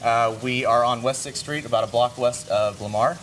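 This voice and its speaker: A man's voice: medium pitch, moderate pace, a bit bright, slight background noise, rough recording. A man guest chef in a TV studio kitchen, talking through a cooking demo in an easygoing way. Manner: easygoing, explains steps while cooking. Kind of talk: cooking demonstration chat.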